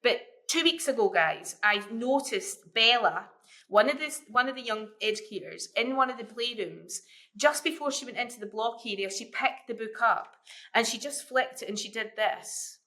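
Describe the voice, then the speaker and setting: Bright, lively middle-aged woman. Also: fairly high pitch, moderate pace. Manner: animated storyteller, repeats words when starting a thought. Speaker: guest, early years educator. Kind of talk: casual podcast chat.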